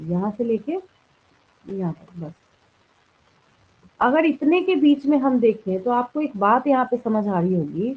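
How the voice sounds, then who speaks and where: A biology teacher from India lecturing a live class. She asks the students each point as a question, answers it herself, and checks often whether they follow. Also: a little high. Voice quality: clears throat now and then. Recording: thin phone-like sound.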